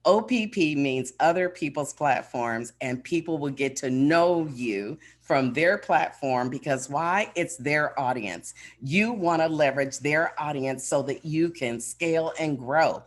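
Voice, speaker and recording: A woman's voice: low-pitched, unhurried, few pauses. A woman giving a motivational business keynote with polished corporate enthusiasm, speaking emphatically and straight to her listeners. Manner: emphatic, addresses listeners directly.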